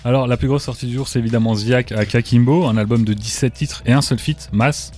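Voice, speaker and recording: A man's voice: mid-range voice, fairly even intonation, a little fast, a little mellow, faint music behind. A man co-hosting a radio show, joking and listing the day's new releases. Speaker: radio co-host. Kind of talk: casual radio chat.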